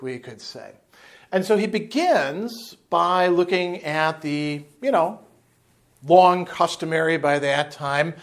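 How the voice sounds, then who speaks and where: A lively philosophy lecturer in his fifties gives an unscripted lecture to camera in front of a chalkboard indoors. His voice sits slightly high, and he talks with his hands, animated and gesturing, full of asides and restarts. He's wearing a lapel mic.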